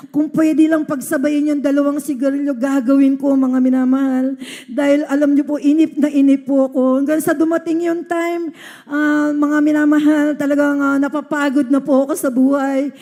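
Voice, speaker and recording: A woman's voice: high-pitched, level tone, moderate pace, dark tone. A woman from the Philippines giving an earnest testimony to a church congregation, often addressing her listeners as beloved.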